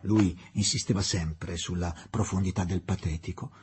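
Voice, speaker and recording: A man reading an audiobook as narrator, telling the story in a measured, expressive way. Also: low-pitched, slightly rough. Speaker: audiobook reader. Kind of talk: scripted narration.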